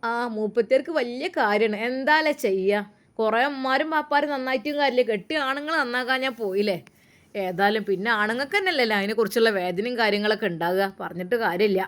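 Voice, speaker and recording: A woman with a Malappuram Malayalam accent voicing a nosy, judgmental older neighbour woman in a low, heavy voice. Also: fast, lightly acted. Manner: nosy, moralizing, spreading rumours.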